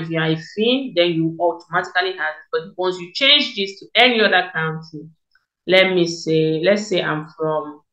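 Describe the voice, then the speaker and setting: In a screen-recorded walkthrough, a young woman from Cameroon, an education consultant hosting tutorials, explains an online application form step by step. She repeats the main points often and fills gaps with many fillers. Her lowish voice has a fairly bright tone, and the room sounds echoey.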